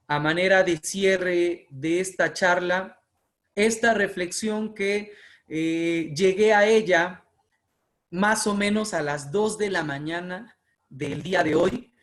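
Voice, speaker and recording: Giving an impassioned online lecture on public speaking over a video call, a man with a Mexican Spanish accent builds emphatic, rhetorically repeated phrases. His voice is high, slightly bright, and slow-paced, fitting an oratory workshop speaker.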